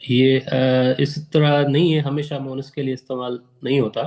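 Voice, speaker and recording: A man leading an online class, answering a student's question reassuringly and asking whether it is clear. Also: mid-range voice, flat delivery, a little mellow. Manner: reassuring, ends points with checking questions. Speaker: class instructor.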